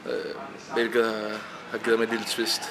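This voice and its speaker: A man's voice: fairly low pitch, monotone. A man, an actor, talks thoughtfully about his role in an interview, with hesitant fillers. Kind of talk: reflective interview talk. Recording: noisy background.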